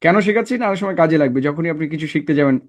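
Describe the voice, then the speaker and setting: Man, teacher, classroom lecture, fairly high voice, checks in with students. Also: racing. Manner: conversational, asks the class checking questions.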